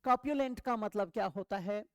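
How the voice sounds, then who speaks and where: A woman teaching an exam vocabulary lesson, asking questions and answering them herself, reading English definitions slowly. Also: medium pitch, no room sound. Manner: explains step by step, asks and answers her own questions, calls students "beta".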